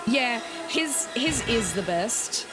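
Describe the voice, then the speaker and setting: A woman game streamer with an animated, swinging pitch talks casually to her viewers. Her commentary is informal and peppered with swearing, with game music clearly behind her. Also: slow pace. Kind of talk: casual live gameplay commentary.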